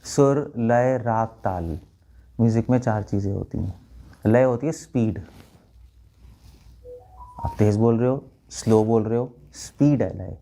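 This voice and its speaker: A monk gives a spiritual talk to a live group. His voice is dark and mellow. He quizzes his listeners and chants lines to show how they should sound. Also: fairly low pitch, a little slow, pauses often. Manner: questioning listeners, demonstrating chants. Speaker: monk teacher.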